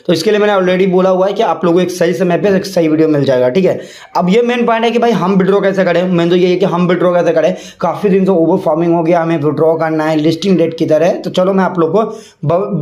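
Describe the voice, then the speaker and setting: A man's voice: high-pitched, darkish tone, reverberant. A man, chatting casually as a crypto video host and filling his talk with repeated fillers. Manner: chatty, repeats "ठीक है" and "यहाँ पे". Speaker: crypto YouTuber. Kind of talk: casual explainer vlog.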